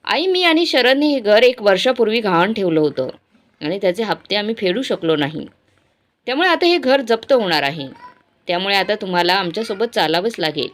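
A woman voicing a grown elder son who talks quickly and pleads with his parents. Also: high voice, big pitch swings, fairly bright tone. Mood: confessing. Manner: pleading, hurried.

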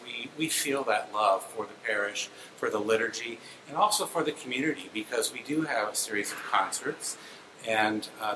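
A middle-aged man, a cathedral organist and music director, giving a measured, explanatory presentation to supporters. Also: on the low side, reverberant, background noise. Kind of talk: guided presentation to donors. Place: large cathedral organ gallery, indoors.

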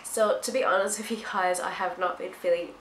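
Young female haul vlogger, stuffy nasal voice from being sick, lowish pitch, roomy sound. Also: steady tone, brisk. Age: young adult. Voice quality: nasal, congested. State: sick with blocked nose and itchy throat. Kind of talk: casual chat to camera. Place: small hard-walled room indoors. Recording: roomy echo, faint background noise.

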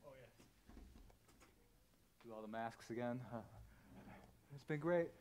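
A man's voice: medium pitch, a little mellow, a little hiss or hum. A man leading a jazz trio, chatting on stage between songs, out of breath, loose and joking with lots of fillers. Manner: loose, joking, laughs a lot, halting with fillers. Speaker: bandleader and keyboardist. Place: live music venue on stage.

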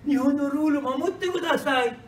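A middle-aged man from Iran giving a prepared speech in halting, Japanese, often restarting his words. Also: extremely high pitch, slight background noise. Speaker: foreign resident giving a speech. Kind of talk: prepared speech at a language class event. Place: hall or classroom. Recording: echoey room, mic from a distance.

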